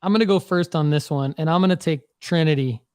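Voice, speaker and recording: A man's voice: on the high side, fast talker, a little mellow, clear, resonant tone, no echo, studio quality. A man hosting a casual panel chat, bantering bluntly and passing questions around to the others. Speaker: podcast host.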